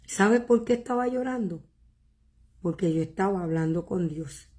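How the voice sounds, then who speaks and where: A woman pastor preaching a sermon, earnest and emotional, asking rhetorical questions and repeating words with pauses. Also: mid-range voice, warm tone. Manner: halting repetitions and pauses.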